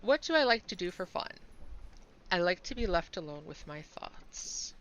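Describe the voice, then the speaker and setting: A woman's voice: on the low side, very animated, moderate pace, a bit bright. A woman reading as a stern loner hunter, Hassan. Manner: reads game dialogue aloud with dry, curt delivery. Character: stern solitary male hunter guarding the woods.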